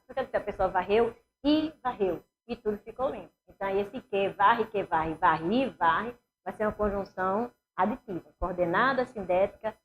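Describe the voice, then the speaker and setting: A woman's voice: mid-range voice, a bit bright, slight background noise. A woman with a Northeastern Brazilian accent teaching a grammar lesson for exam preparation, asking the class questions and answering them herself.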